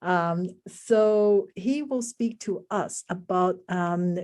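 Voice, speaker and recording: A woman with a fairly low, mellow voice hosts and moderates an online session on a video call. Her introduction is informal and dotted with hesitant asides.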